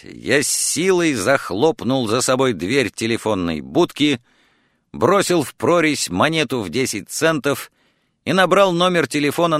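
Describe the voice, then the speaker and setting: A man reads a story aloud with dramatic flair, his pitch swinging widely through each sentence. He takes his time over the phrasing, and the close studio mic gives a dry, intimate sound with no room echo. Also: fairly bright tone. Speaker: audiobook narrator. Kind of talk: expressive audiobook narration.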